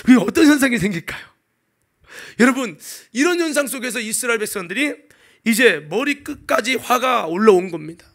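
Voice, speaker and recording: A man preaching a sermon, telling the story dramatically, swinging between loud exclamations and hushed asides. He keeps asking the congregation rhetorical questions. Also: extremely high pitch, expressive, brisk. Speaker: pastor.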